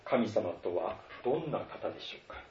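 A man preaching a sermon as a pastor, earnest and animated in his delivery. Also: on the low side, moderate pace, a little hiss or hum. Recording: roomy, distant, dull sound.

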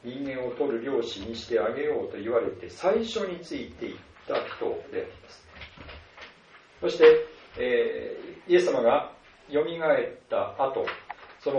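A male pastor preaching a sermon at a measured pace, with many soft filler words between phrases. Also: medium pitch, gravelly, a little hiss or hum. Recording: distant, roomy, dull lo-fi sound.

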